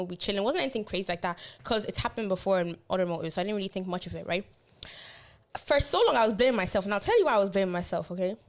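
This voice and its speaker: Fast-talking young woman storyteller. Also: medium pitch. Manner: animated, swearing, slangy storytelling. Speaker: podcast co-host. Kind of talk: casual storytelling chat.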